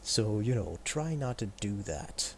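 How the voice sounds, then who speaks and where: Male game streamer, lowish voice, casual running commentary with chat, noisy background. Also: lively intonation, unhurried. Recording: clear background noise.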